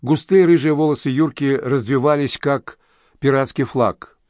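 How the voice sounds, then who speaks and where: A man calmly narrating an audiobook. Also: mid-range voice, normal speed, no echo, clean studio sound.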